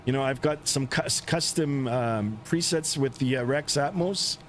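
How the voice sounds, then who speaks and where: Casual male streamer over faint engine rumble. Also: a little slow. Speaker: flight simulator livestream host. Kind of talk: casual livestream commentary. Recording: steady aircraft rumble behind voice.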